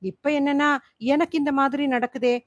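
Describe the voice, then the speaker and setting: A woman's voice: sits high, fairly even intonation, normal speed, no room sound, clean studio sound, lightly acted. A woman voicing a confused, frightened housewife in a storybook reading. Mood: fearful. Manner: confused, fearful.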